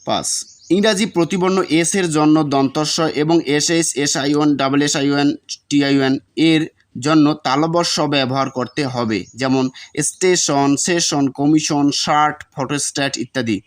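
A man's voice: a little high, moderate pace. A man teaching, reading out exam notes and repeating example words to show their pronunciation.

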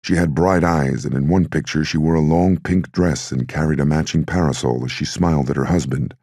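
A man reading an audiobook aloud in a steady, measured way. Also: extremely low pitch, no echo, clean studio sound. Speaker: audiobook narrator. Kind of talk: audiobook narration.

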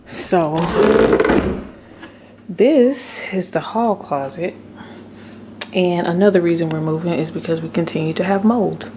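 Against a noisy background, a woman in her thirties with a fairly low voice shows viewers around the rooms and basement of an empty house. She's a vlogger holding a phone camera, sounding chatty and relieved as she says "guys" and "y'all."

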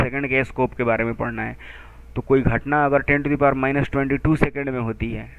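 Male tutor, gravelly voice, halting chalk-and-talk explanation, phone-quality sound. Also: medium pitch, heavy background noise. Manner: explains in chatty Hindi, reading English textbook lines slowly; halting, many fillers and restarts while working sums aloud. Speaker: physics teacher. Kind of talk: textbook explanation lesson. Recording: tinny phone-like lo-fi recording.

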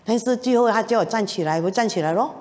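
Standing at the front of a church, a middle-aged woman with a fairly high voice tells her personal testimony fast and animatedly, laughing and acting out what others said to her. A long reverb from the hall lingers on every word.

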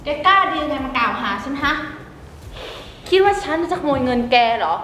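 A woman's voice: animated, moderate pace, sharp tone, reverberant, faint music behind. A woman playing a scornful rich woman. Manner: scornful, shrill and accusing. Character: rude arrogant wealthy woman diner, thief. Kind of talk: short film drama acting.

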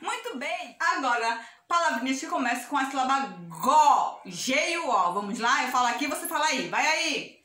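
Lively high-voiced Brazilian teacher, echoey room. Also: female voice, moderate pace, far from the mic. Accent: Brazilian Portuguese. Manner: sing-song, encouraging, speaks to children directly. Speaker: preschool teacher. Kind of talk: video lesson for young children.

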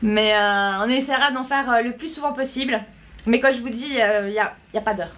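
A chatty woman in her thirties talks straight into a phone held at arm's length, her voice sitting a touch high. She answers viewers' questions in an easy, rambling way. A faint hum of the shop runs underneath. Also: fairly quick, fairly bright tone. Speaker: shop live-stream host. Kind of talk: casual live-stream chat. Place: small shop with a big front window, indoors.

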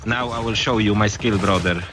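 A man's voice: lowish voice, fairly quick, music in the background. A man chatting over voice chat during a mobile shooter match, putting on a mock Italian accent and calling his teammate brother. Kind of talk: casual voice chat while gaming. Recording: noisy game audio behind voice chat. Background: gunfire and explosions from the game.

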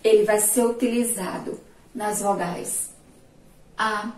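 Slow patient Brazilian teacher, echoey room. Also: female voice, mid-range voice, fairly even intonation, a little mellow. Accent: Sergipe Brazilian Portuguese. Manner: slow, drawn-out syllables, asks pupils questions and praises answers. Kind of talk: remote classroom lesson. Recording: echoey room, voice far from mic.

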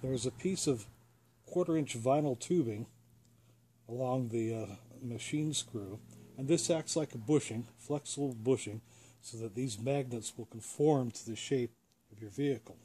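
Outdoors beside a parked car, an American radio hobbyist hosts a casual, plain-spoken demonstration of a home-built antenna, explaining it step by step. He speaks at normal speed in a warm, mid-range voice, and the clear recording carries background noise and outdoor ambience.

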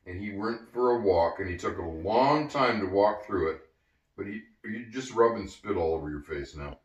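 An older man with an unhurried, grandfatherly voice reading a children's storybook aloud, pausing between phrases. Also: fairly low pitch, animated, highs cut off. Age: 60s or older. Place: living room at home, indoors. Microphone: camera several feet away. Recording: roomy, distant camera mic, faint noise.

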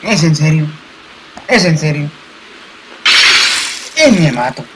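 A young man doing gameplay commentary as a raging gamer, loud and exasperated. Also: a little high, animated, slow pace. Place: small room indoors. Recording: very noisy home gaming recording.

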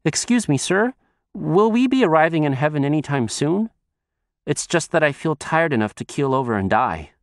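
A man's voice: a little high, lively intonation, normal speed, no echo, pitched above the performer's own voice. A man voicing a frightened young boy who has just died, pleading and close to tears. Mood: sheepish. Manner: breathless, pleading, near tears. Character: frightened tearful young boy, recently dead.

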